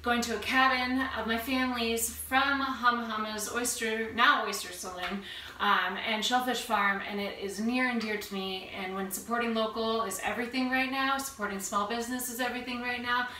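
A woman's voice: a little high, fairly even intonation, moderate pace, sharp tone, roomy sound. A young woman hosting a casual cooking tutorial in a small home kitchen, chatty and upbeat as she cooks, recorded on a camera mic at a distance. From Washington State. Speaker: cooking show host.

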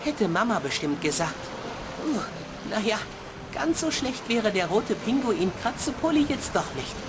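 Casting: earnest, naive boy hero for a game, lively intonation, noisy ambience behind. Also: medium pitch, a little slow. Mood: relieved, musing. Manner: innocent, expressive. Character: polite, earnest, naive young boy adventurer. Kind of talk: video game voice acting.

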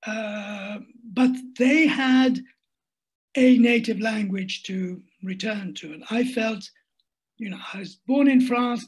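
Speaking from a desk at home via laptop webcam, an older writer gives a reflective, conversational interview on a video call. His voice is high and husky, the audio poor, and he comes across as thoughtful yet hesitant, with frequent restarts.

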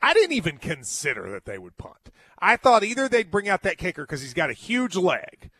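Man, higher voice, dry close sound, emphatic sports host, halting repeats. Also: wildly swooping pitch, pushed and bright, no room sound. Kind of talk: postgame sports monologue.

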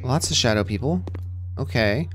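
Clear game music runs under this playthrough commentary from a let's play gamer tackling a horror title. Speaking at normal speed in an animated, mid-range voice, he jumps at scares, jokes around, and talks back to the characters.

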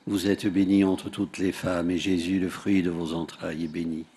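Deep-voiced man reciting rosary prayers. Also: a crowd in the background. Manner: steady, measured recitation with falling line ends. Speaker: prayer leader at an outdoor rosary. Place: outdoors at a large rock grotto.

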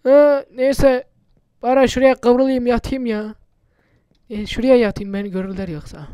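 A man's voice: very high-pitched, fairly even intonation, unhurried, dark tone, clean tone, no room sound. A man doing casual, chatty gameplay commentary for his channel, muttering to himself and swearing often. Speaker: gaming YouTuber.

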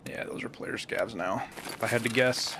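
A man's voice: fairly low pitch, moderate pace, very noisy. A man giving casual commentary to himself while playing a shooter game, muttering as he loots and swearing now and then. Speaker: gameplay streamer.

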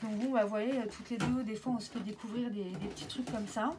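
A young woman chatting casually through an art-supply unboxing, excited and full of fillers and restarts. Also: on the high side, fairly quick, noisy background. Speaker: craft vlogger.

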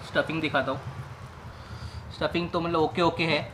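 The audio is poor, with slight background noise and music under the voice. A high-voiced, upbeat young food vlogger from Maharashtra, India, talks at a moderate pace in a casual review, loud and chatty on the street beside a bus, then quieter and relaxed as he eats inside the bus restaurant.

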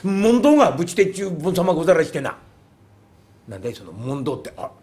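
A man's voice: a little high, very animated, quick pace, a little mellow. A man voicing a simple rustic male temple servant who talks in a thick country dialect, in rakugo storytelling. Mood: eager.

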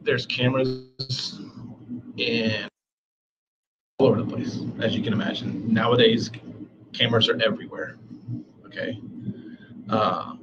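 A middle-aged man questioning a suspect in a small police interview room, slow, calm and measured. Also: medium pitch. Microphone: room camera from across the room. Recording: dull room audio with steady hiss.

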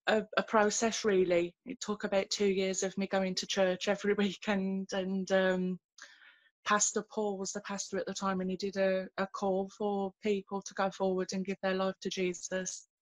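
Earnest woman, flat even voice. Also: mid-range voice, dry recording. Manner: earnest and halting, many fillers and restarts. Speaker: guest sharing her faith story. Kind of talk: personal testimony in a video call. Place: small room at home, indoors. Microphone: laptop webcam on a video call.

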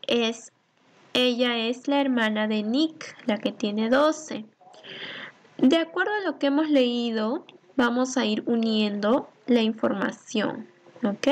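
A woman teaching a recorded English lesson for children, patiently reading each English line and then translating it, and asking questions that she answers herself. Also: on the high side.

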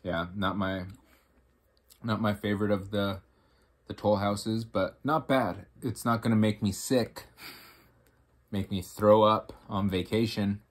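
A man co-hosting a casual snack review, talking in a halting, rambling way and admitting he mumbles. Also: on the low side, steady tone. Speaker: co-host tasting food.

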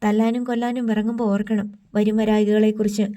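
A woman reading the part of a stern, sharp-tongued young nurse in an audiobook. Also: mid-range voice, flat delivery, fairly quick, lightly acted. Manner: curt, scolding. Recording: slightly distant from mic.

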